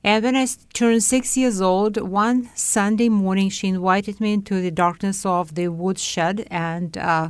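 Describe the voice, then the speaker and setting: Slow, careful older woman. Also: medium pitch, clean tone, no echo. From Uzbekistan. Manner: slow, careful, with pauses and hesitations. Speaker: interview guest. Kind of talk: personal testimony.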